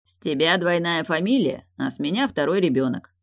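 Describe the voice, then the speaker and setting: A woman voicing a patient young husband and new father in an audiobook, staying close to her own low voice. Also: lively intonation, brisk. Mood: calm.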